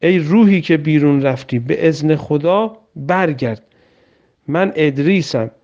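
Guy doing a stern old-time prophet, bossy and insistent, bit high, muffled sound. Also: darkish tone, natural voice. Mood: soothing. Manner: commanding, insistent. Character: hungry male prophet, stern and commanding. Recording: dull lo-fi recording.

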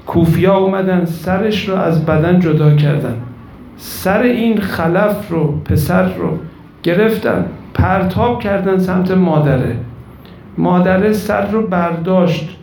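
A man's voice: on the high side, darkish tone, slight background noise. A man preaching a religious sermon, telling a mourning story with passion and speaking directly to the women in his audience. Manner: impassioned storytelling, addresses women listeners directly. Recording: echoey room with faint ambience.

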